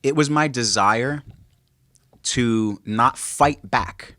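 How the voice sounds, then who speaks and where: A man's voice: mid-range voice, drawn-out words, bright, forceful tone, dry recording, studio quality. A man co-hosting a podcast in casual chat, making his points with emphatic repetition. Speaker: podcast co-host.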